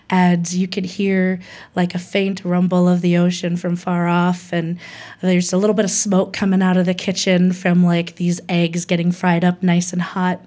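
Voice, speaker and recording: A woman from Hawaii telling a personal story to an audience, animated, acting out the voices she quotes and laughing often. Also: lowish voice.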